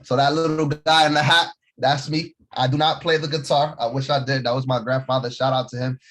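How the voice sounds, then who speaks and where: A man's voice: mid-range voice, steady tone, brisk, fairly bright tone, slight background noise. A man, a company vice president, giving a casual motivational talk to his team about where he grew up, with many fillers and repeated words. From born in Puerto Rico, raised in East Harlem, New York City. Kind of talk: motivational talk on a video call.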